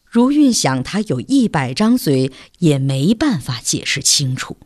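Lively woman storyteller. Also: sits low, unhurried, no room sound, clean studio sound. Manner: lively, expressive reading. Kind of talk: expressive storybook narration.

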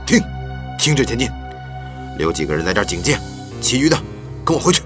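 A man's voice: medium pitch, big pitch swings, brisk, lightly acted. A man voicing a stern male military officer giving curt commands, over background music. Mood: commanding.

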